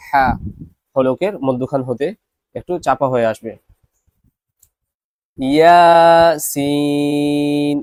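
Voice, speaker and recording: A man teaching Quran reading, patiently explaining and slowly reciting letter names. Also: mid-range voice, a little mellow, dry recording. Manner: patient, repetitive instruction. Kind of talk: classroom-style recorded lesson.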